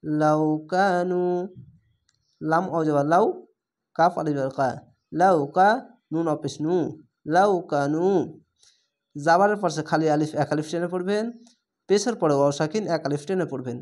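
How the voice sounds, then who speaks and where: A male reading teacher works through a lesson syllable by syllable. He draws each vowel out and breaks each word into parts. He repeats his instructions patiently, in a plain, unhurried teaching voice. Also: fairly high pitch, darkish tone. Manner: spells out syllables one by one, stretching the vowels.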